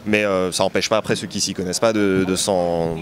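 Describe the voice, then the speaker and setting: A man's voice: deep voice, steady tone, a little fast, a crowd in the background. A man in his early twenties, from Portugal, talking casually and hesitantly as an interview guest on an outdoor basketball court. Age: 20s. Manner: hesitant, many filler sounds and restarts. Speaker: interview guest, manga artist.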